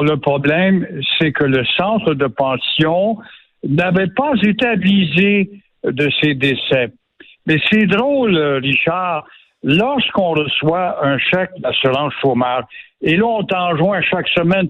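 On a phone-line radio broadcast, a man with a Quebec French accent delivers sarcastic, indignant commentary in an opinionated chat. His voice sits fairly high and is expressive, and he takes his time.

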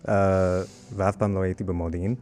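A man from the United States with a strong American, native-English accent in Hebrew, explaining things in an interview in a halting way with frequent hesitations. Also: sits low, little pitch movement, darkish tone. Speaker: guest curator of a library collection.

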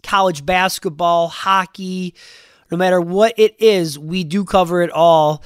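A man's voice: high-pitched, steady tone, a little slow, smooth, no echo, clean studio sound. A man hosting a sports podcast in a loose, chatty way with lots of fillers, sounding a little congested from a cold. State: congested, under the weather. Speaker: podcast host. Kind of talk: casual podcast talk.

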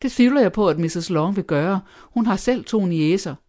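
A reader voicing a nervous, excitable middle-aged mother of five daughters in an audiobook, gushing and indignant by turns. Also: mid-range voice, voice pushed up, close to an everyday voice. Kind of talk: audiobook character voice.

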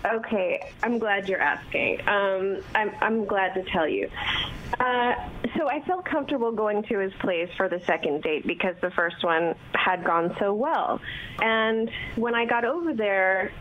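A woman's voice: medium pitch, expressive, unhurried. Woman chatting over the phone. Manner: chatty, candid storytelling. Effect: heard over the phone. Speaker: radio call-in guest. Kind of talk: casual chat. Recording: muffled phone line with faint hiss.

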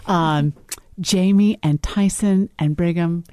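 A middle-aged woman hosting a radio panel, chatting in a playful, expressive way. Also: lowish voice, takes it slowly, no echo, studio quality. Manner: warm, playful, expressive storyteller. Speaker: radio host. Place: radio studio. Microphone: studio mic.

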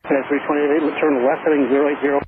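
A male air traffic controller giving brisk, clipped instructions over a crackly radio transmission. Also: on the high side, flat delivery. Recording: tinny noisy radio line.

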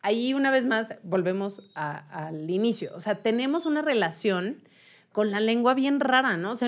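A Mexican woman speaking as a language expert guest in a casual chat, explaining with lively emphasis and frequent laughter. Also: mid-range voice.

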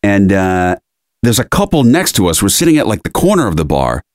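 A man's voice: lowish voice, brisk, no echo, clean studio sound. A man co-hosting a podcast, telling a story in casual chat and acting out the voices of people in it. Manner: animated storyteller, acts out quoted voices. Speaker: podcast co-host.

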